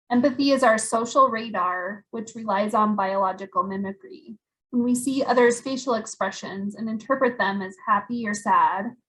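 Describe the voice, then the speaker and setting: Higher-voiced woman presenting a lesson. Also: fairly bright tone, poor audio. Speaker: workshop presenter.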